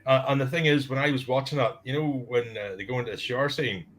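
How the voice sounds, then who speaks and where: A man's voice: medium pitch, fairly even intonation, fast, a bit bright. A man chatting casually on a video call, telling crude jokes and laughing at them. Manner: crude humor, laughs at his own jokes. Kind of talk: casual chat.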